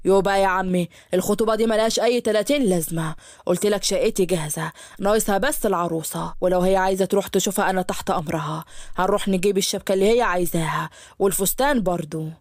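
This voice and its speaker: A woman's voice: mid-range voice, very fast, darkish tone, no room sound, clean studio sound, voice pushed down, natural voice. A woman voicing a cocky, playful young male doctor in an Egyptian Arabic storybook tale, boastful and pushy.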